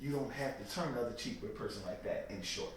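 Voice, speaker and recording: This fast-talking man has a mid-range voice and is a guest being interviewed. In preachy, emphatic religious talk, he frequently asks "you know what I mean." The clip has echo, a far-off microphone, and a touch of noise.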